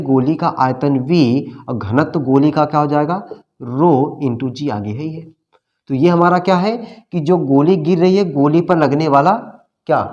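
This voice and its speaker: A man's voice: a little high, a little mellow. Hindi-speaking man teaching physics, questions aloud. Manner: asks questions and answers them himself, repeating key terms; friendly and colloquial, calls students "bhai" and "babu". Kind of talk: classroom-style lecture at a board.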